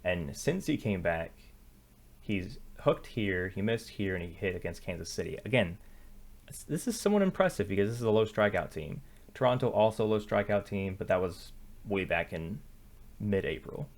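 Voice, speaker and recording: A man's voice: lowish voice, lively intonation, normal speed. A young man hosting sports betting picks, thinking aloud in casual commentary, often correcting himself. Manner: thinking aloud, self-correcting, filler-heavy. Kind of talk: casual screen-share commentary.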